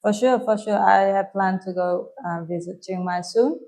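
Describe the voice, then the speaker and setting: A woman in her thirties with a Vietnamese accent, answering interview questions in English softly and with frequent hesitations. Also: mid-range voice, moderate pace, gravelly, slight background noise. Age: 30s. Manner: soft-spoken, hesitant with frequent ums. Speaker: guest.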